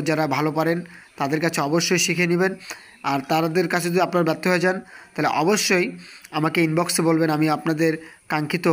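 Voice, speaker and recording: A man giving an online Quran reading lesson, who spells out letters slowly and repeats them for his students. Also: on the high side, a bit bright. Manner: slow, repetitive spelling-out of letters; addresses students directly, encouraging.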